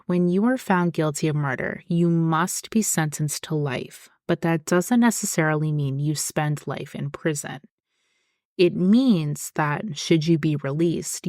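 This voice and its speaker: A woman hosting a podcast, reading a scripted true-crime narration in a measured, explanatory way. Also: deep voice, darkish tone, dry recording, studio quality. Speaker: podcast host.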